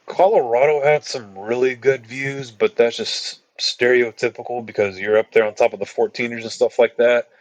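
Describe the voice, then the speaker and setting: A man's voice: medium pitch, fairly even intonation, normal speed, few pauses, dry recording, poor audio. A man telling hiking stories in a loose, rambling way, full of "you know" and "like", as a guest on a podcast. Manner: rambling, laid-back, many fillers like "you know" and "like". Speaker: podcast guest, long-distance hiker. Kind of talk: casual storytelling chat.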